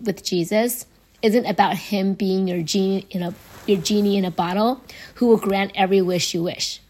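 A young adult woman hosting a faith podcast, her voice hoarse and raspy from laryngitis, talking in an earnest, conversational way. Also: medium pitch, darkish tone. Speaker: podcast host.

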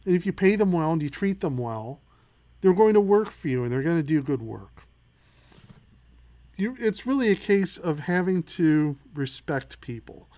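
A middle-aged man with a fairly high voice reads out headlines and then riffs on them in a loose, opinionated way. He stops and restarts often, leans on fillers, and works himself up as he talks. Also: big pitch swings, normal speed, warm tone. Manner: opinionated, gets worked up, many fillers. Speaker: podcast host. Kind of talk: casual news commentary.

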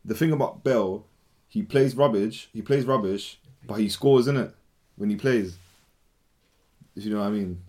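Young male with a slightly deep voice, London roadman accent, slangy and repetitive, chatting through a football debate. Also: normal speed, pauses often, warm tone. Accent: London, urban roadman slang. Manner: slangy, repeats phrases, often ends on "innit".

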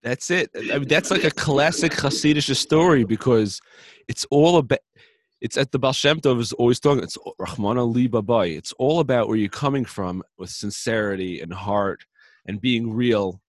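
A man's voice: medium pitch, moderate pace, no echo. A man in casual chat, reacting with enthusiasm and drawing out the point of a story.

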